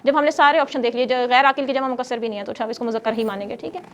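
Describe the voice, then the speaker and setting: A woman's voice: on the high side, steady tone, fairly bright tone. A woman teaching a grammar class who explains step by step, quizzes her students and scolds them when they get noisy.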